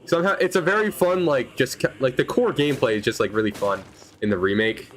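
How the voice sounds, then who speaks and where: A man's voice: mid-range voice, fast talker, a bit bright. A young man chatting casually while streaming a game, rambling and correcting himself as he talks. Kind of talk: casual gaming stream chat. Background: faint game music.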